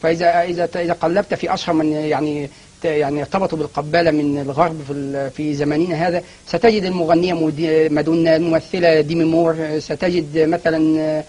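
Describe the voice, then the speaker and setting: A man's voice: fairly high pitch, flat delivery, fast, a little mellow. A man as a guest scholar in a studio TV interview, explaining at length with frequent restarts and fillers.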